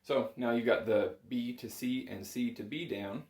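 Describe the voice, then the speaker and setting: This man teaches bagpipe chanter informally, walking through each step with patience and encouragement. His mid-range voice is a little mellow and keeps a normal speed, echoing around the small home music room.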